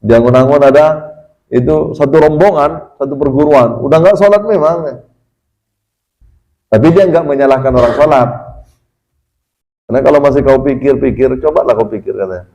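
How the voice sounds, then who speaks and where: A man giving a casual religious study lecture as a teacher, talking conversationally and breaking into sudden high, emphatic bursts. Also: moderate pace, pauses often, warm tone, highs cut off.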